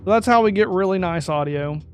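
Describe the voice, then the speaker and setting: Fairly quick and darkish in tone, a man explains his audio setup in a step-by-step USB desk microphone tutorial, thinking aloud through each setting and catching himself mid-sentence. He describes his own voice as high-pitched, and soft background music accompanies him.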